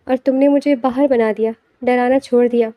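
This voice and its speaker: A woman's voice: on the high side, steady tone, dry recording, lo-fi sound, close to an everyday voice. A woman voicing a playful young wife. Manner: teasing and affectionate.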